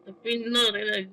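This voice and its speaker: A man with an Egyptian Arabic accent talks over his gameplay in a high, excitable voice, joking and laughing as he plays. Loud game noise runs under his voice the whole time. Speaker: gamer. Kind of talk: let's play commentary.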